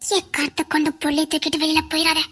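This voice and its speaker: A woman's voice: high-pitched, completely flat delivery, fast talker, a bit bright. A woman voicing a grieving mother who lost her twin babies, speaking in an earnest, insistent and soothing way in an amateur audio drama.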